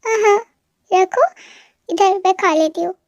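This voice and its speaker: A woman voicing a guilt-ridden young wife who talks softly through tears, in a fan audio drama. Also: very high voice, takes it slowly, a little hiss or hum, full character voice. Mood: sad. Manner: soft and weepy, with tender reassurance.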